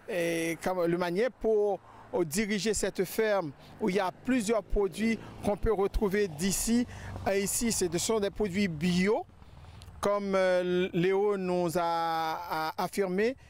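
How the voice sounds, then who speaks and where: High-pitched, slow male TV reporter. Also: a little mellow, clear, resonant tone. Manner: halting, hesitant phrasing. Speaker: TV reporter and interviewer. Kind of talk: unscripted on-location report. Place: outdoors on a farm.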